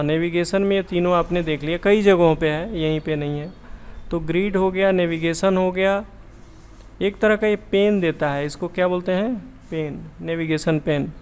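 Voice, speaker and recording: Male computer tutor, slightly high voice with gravel and a smooth, resonant tone, talks things through casually as he works. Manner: chatty, thinks aloud, self-correcting. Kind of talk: casual screen-share tutorial.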